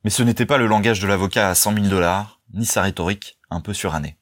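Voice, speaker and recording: A man reading a novel aloud as narrator, in a measured, even storytelling manner. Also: fairly low pitch. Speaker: audiobook narrator. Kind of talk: scripted narration.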